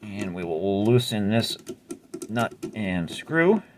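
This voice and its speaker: A man's voice: fairly low pitch, very animated, takes it slowly, a little hiss or hum. A man hosting a casual repair tutorial, explaining step by step in a laid-back way with some mild cursing. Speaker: amplifier repair host.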